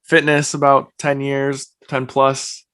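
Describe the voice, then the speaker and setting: A young man talks as a podcast guest, easygoing and full of verbal fillers. His voice is mid-pitched and even, and he tells his stories at a loose, unhurried pace. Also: clean tone. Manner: relaxed, chatty, uses lots of fillers like "like". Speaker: podcast guest, streamer and personal trainer. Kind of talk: casual interview chat. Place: home, evening.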